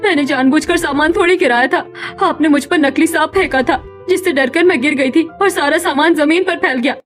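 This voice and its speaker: A woman's voice: high voice, fairly quick, soft background music. A woman voicing a meek, pleading young wife. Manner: pleading, gentle. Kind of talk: cartoon story voice acting.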